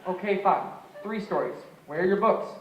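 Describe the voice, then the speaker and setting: A man's voice: sits high, normal speed, lo-fi sound, lightly acted. A man playing a worn-out young dad. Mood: weary. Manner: exasperated, pleading with children. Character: weary young dad putting kids to bed. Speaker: stage actor. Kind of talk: school stage play. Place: school stage. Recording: echoey stage from far off, noise.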